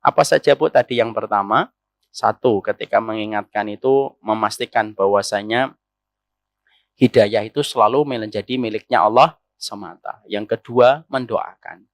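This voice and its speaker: A male Islamic preacher giving a sermon to women, animated and teasing, asking rhetorical questions. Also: lowish voice, normal speed, dry recording.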